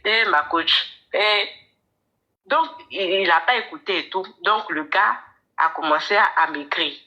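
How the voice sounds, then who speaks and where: A woman with a fairly low but bright, forceful voice tells her own story on a call. She speaks haltingly and often repeats words as she goes. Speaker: caller telling her story.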